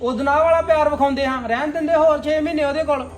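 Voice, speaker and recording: A man's voice: very high voice, steady tone, fast. An actor playing a defiant husband who mocks his wife's family. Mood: mocking. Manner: mocking, defiant.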